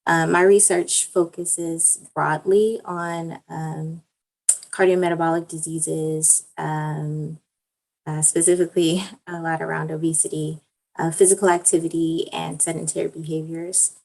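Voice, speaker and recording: A woman's voice: low-pitched, flat delivery, a little slow, creaky, a little mellow, poor audio. A woman speaking carefully with many fillers as a doctoral-candidate panelist on a video call. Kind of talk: online panel talk.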